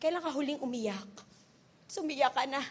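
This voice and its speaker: A woman in her twenties preaching a sermon with energetic, animated delivery, telling stories with laughter and sudden loud bursts. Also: high-pitched, normal speed. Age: 20s. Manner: storytelling with laughs and acted-out quotes.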